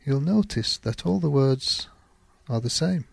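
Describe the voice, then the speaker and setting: A man teaching English pronunciation on his podcast, speaking very slowly and deliberately. His voice is gravelly and a little husky. It sounds dry and close, with no room echo. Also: medium pitch, lively intonation. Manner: deliberate, clearly spaced delivery with example sentences. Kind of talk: slow, careful teaching monologue.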